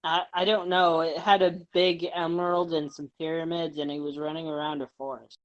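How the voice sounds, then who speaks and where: A woman with a fairly low voice takes part as a guest in a casual chat, asking her questions in a hesitant way. The sound is dull and lo-fi. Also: flat delivery, brisk.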